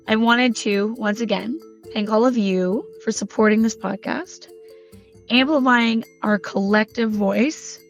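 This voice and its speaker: Hoarse woman podcast host, croaky, slightly squeaky, fairly high pitch, chatty, dull lo-fi sound, faint music. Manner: chatty, enthusiastic, thankful. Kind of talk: podcast intro monologue. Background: faint background music.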